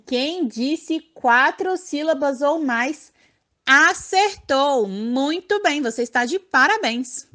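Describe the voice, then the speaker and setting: A Brazilian woman teaching young children online, her voice high and bright. She talks slowly and sounds words out syllable by syllable, her pitch swooping in a lively, sing-song way. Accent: Brazilian Portuguese. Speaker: primary school teacher.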